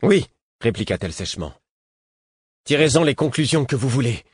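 A man's voice: medium pitch, animated, a little fast, breathy edge, no room sound. A man voicing a proud, vengeful woman rebel who speaks sharply and defiantly in an audiobook. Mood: curt.

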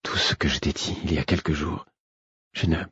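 A man voicing a tender, sleepy young woman in a whispered role-play, speaking in a soft, hushed murmur. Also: very deep voice, steady tone, normal speed, slightly rough, no echo, dull audio, full character voice.

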